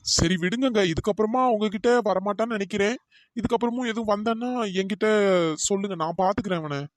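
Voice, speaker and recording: A performer voicing a bold young college man in a cartoon, scolding a bully and gently reassuring a girl. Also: medium pitch, fast, natural voice. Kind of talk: cartoon voice acting.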